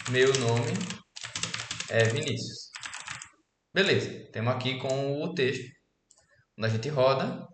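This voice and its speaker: Explaining code in a screen-recorded class, this twenty-something man from Alagoas, Brazil keeps things easygoing and frequently asks his students "beleza?" His pitch is medium, and the echoey room carries the faint sound of typing on a keyboard.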